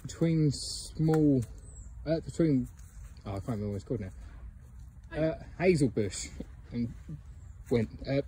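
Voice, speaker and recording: A man's voice: mid-range voice, animated, unhurried, pauses often, mellow, slight background noise. A man filming a casual outdoor walk-and-talk vlog on a phone, rambling with many ums and chuckles. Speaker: geocaching vlogger. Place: outdoors by a fence and bushes.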